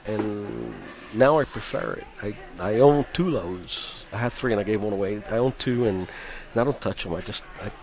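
Radio guest: deep-voiced Cuban-born musician in his fifties, relaxed and chatty. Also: normal speed, few pauses, faint music behind. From Cuba. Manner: chatty, laughs often, many restarts. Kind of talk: radio interview.

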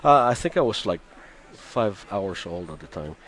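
Man, low voice, born in Cuba, 50s, chatty radio guest, laughs a lot. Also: very animated, moderate pace, fairly bright tone. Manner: chatty, laughs often, many restarts. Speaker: musician guest. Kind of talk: radio interview.

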